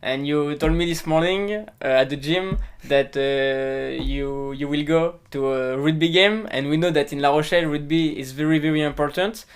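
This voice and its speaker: A young man, a native French speaker with a French accent, hosting a casual interview and pausing to find his English words. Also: a little high, clear, resonant tone. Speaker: podcast interviewer.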